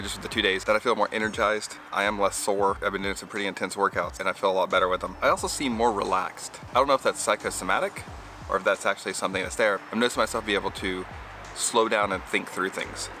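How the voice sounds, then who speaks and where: A man's voice: low voice, sharp tone, slight background noise. A man talking casually to camera outdoors as a vlogger. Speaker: vlogger doing a cold plunge challenge. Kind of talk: casual vlog talk to camera.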